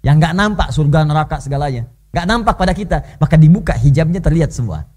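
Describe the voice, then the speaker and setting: A man giving an animated sermon in a mosque, telling stories with lively dramatic delivery and an Indonesian accent. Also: quick pace. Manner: animated storytelling, leaps high when voicing characters. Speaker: preacher.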